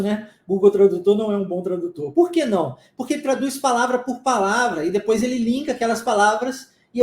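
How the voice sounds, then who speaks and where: A Brazilian English teacher leads a live lesson, drilling phrases over and over and often pausing to ask whether it is clear. The voice is mellow and warm. It rings in an echoey room. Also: medium pitch. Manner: drills by repetition, checks understanding often.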